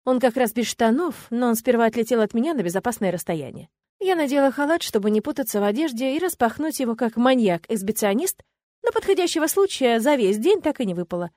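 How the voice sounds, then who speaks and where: A woman narrating a novel in the first person, reading in a lively, expressive way on a close mic. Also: a little high, fast, no room sound. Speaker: audiobook narrator.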